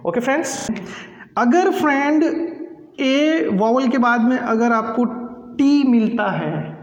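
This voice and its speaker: A man teaching English pronunciation in a slow, patient classroom style, repeating each word several times. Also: extremely high pitch, lively intonation, roomy sound, big-room sound, highs cut off.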